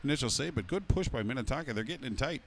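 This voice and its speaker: Man, hockey color analyst outdoors, brisk delivery, mid pitch, long analytical breakdowns. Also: expressive, a little hiss or hum. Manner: explains plays in long analytical runs. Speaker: color commentator. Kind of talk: live hockey color commentary.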